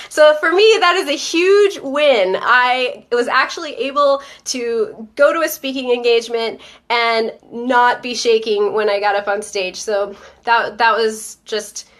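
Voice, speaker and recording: A stuffy-nosed woman hosts a live stream, her slightly high voice upbeat and chatty. She talks straight to her viewers and reads out their comments as they come in. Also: a bit bright. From Northern Virginia. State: stuffy, coming down with a cold. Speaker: host of a live-streamed show. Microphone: webcam or phone on a live stream.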